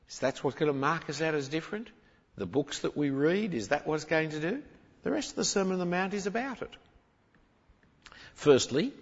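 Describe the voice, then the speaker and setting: A man preaching a sermon, animated and emphatic, swinging between loud and quiet, with a husky voice. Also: a little high. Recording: muffled, reverberant hall recording.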